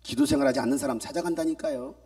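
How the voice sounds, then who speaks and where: A male pastor preaching to a youth gathering, swinging from shouts to hushed asides and firing questions at the congregation. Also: medium pitch, very fast, distant mic. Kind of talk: sermon. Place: church youth meeting hall.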